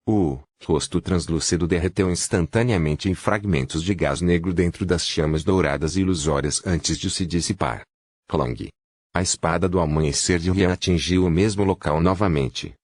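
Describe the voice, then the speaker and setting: A man narrating a fantasy novel as an audiobook, reading in a steady, even pace. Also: sits low, no echo, studio quality.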